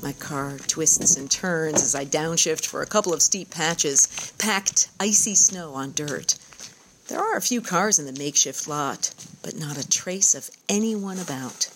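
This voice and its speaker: A woman with a low voice narrates her own outdoor journal in the first person, unhurried, calm, descriptive and reflective. The background is noisy.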